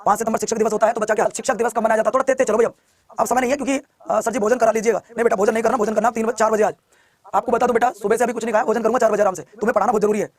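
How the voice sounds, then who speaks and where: Teaching a live online exam class at a breakneck pace, a man with a strikingly high voice fires off each question several times. He keeps coaxing his students to respond quickly, his steady-toned voice carrying a certain flavor.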